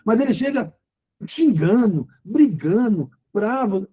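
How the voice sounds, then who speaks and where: Husky, dark-voiced Brazilian preacher. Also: male voice, high voice, lively intonation, takes it slowly. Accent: Brazilian Portuguese. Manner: conversational, acts out quoted dialogue, rhetorical questions. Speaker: preacher leading a Bible study for couples. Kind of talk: informal sermon.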